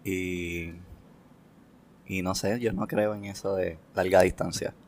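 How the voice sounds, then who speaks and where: A man's voice: low voice, little pitch movement, slow, a little mellow, a little hiss or hum. A man with a Puerto Rican accent giving his opinions in a casual podcast chat as a guest.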